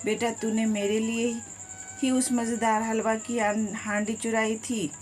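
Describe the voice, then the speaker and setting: A woman's voice: on the high side, level tone, measured pace, a little mellow, slight background noise, close to an everyday voice. A woman voicing a frail, hungry, loving old mother in a storybook tale. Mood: tender. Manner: pleading, tender.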